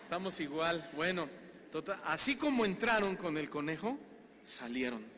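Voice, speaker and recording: Male Mexican pastor, fairly high voice; animated sermon with questions to the congregation; church hall reverb. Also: moderate pace. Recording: reverberant hall, faint background noise.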